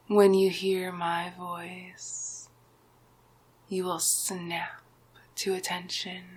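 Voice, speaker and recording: In an ASMR villain roleplay, a woman plays a smug, scheming male sorcerer in an exaggerated voice. Low for a woman and breathy, it often drops to a whisper, and each phrase comes very slowly and deliberately with condescending, hypnotic command.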